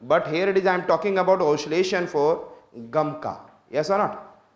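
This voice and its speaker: A man's voice: sits high, extremely slow, echoey room. A man with an Indian accent giving a classroom lecture, switching between English and Hindi and constantly quizzing his students with repeated questions. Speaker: teacher.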